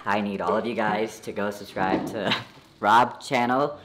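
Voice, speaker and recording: A man's voice: lowish voice, fairly even intonation, a little slow, a crowd in the background. A man co-hosting a vlog, reading aloud in a mock-dramatic, joking way. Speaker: vlog co-host. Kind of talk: casual joking vlog banter. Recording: noisy background.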